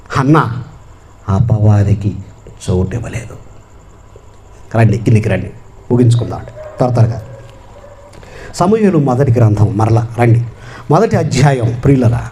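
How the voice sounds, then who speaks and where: A man's voice: mid-range voice, mellow, a little hiss or hum. A man preaching a sermon with a Telugu accent, emphatic and repetitive. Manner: emphatic preaching with repeated phrases. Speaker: pastor.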